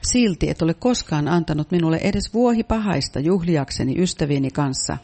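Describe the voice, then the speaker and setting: A man's voice: fairly high pitch, expressive, mellow, breathy edge. A man interpreting a sermon, reading each translated passage steadily.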